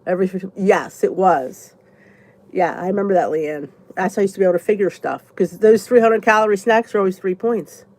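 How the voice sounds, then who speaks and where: A brisk, darkish mid-range voice, recorded dry, belongs to a woman vlogger with a stuffy nose. She rambles in a chatty way, thinking aloud as she answers viewer comments during a casual live chat.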